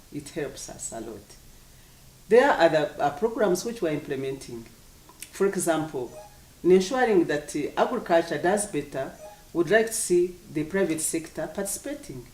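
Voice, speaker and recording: An African-accented official of medium pitch gives formal, explanatory interview answers, heard at a distance in an echoey room. The delivery is deliberate, and key words get repeated for emphasis. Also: darkish tone. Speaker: government official, agriculture commissioner.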